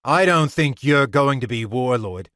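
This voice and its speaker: A man's voice: mid-range voice, expressive, measured pace, fairly bright tone, no room sound. A teenage gang boy challenges his rival in a raised, pushy voice, as a man reading the story puts him on. He sounds like a street kid from an old crime tale. The recording is close and dry. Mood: challenging. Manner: demanding, challenging.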